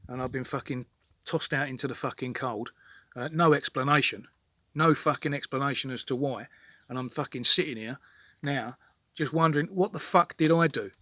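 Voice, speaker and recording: Sweary ranting man, bright dry voice. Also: medium pitch, no room sound. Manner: exasperated, sweary, repetitive. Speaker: vlogger. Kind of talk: venting rant monologue.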